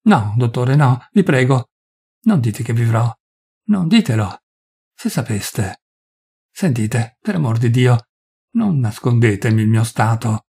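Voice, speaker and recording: A man's voice: mid-range voice, animated, slow pace, dark tone, breathy edge, exaggerated voice. A man voicing a young dying noblewoman who pleads in a breathless, feverish way. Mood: pleading.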